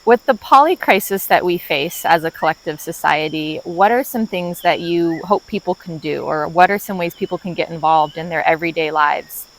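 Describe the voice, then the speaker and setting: A woman's voice: fairly low pitch, normal speed, few pauses, low-quality recording. A woman interviewer asking friendly, engaged questions on location outdoors.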